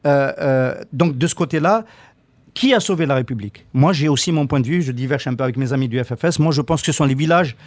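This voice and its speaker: A man's voice: medium pitch, fast talker, darkish tone, no echo. A man from Algeria on a radio panel discussion, hesitant and full of repeated words and fillers.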